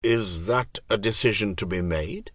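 A man's voice: lowish voice, measured pace, no room sound, clean studio sound. A man voicing an earnest young male magician who asks wary questions. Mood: puzzled.

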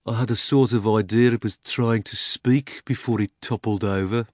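Badger: thoughtful, measured, lowish, by a male reader. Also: fairly even intonation, darkish tone, no echo, studio quality, lightly acted.

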